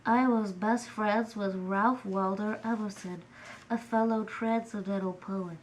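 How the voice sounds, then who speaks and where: A woman's voice: medium pitch, steady tone, unhurried, slight background noise, low-quality recording. Young woman reading a poet's bio. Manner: reads in character as a historical poet. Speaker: student presenter. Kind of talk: reading a first-person biography aloud.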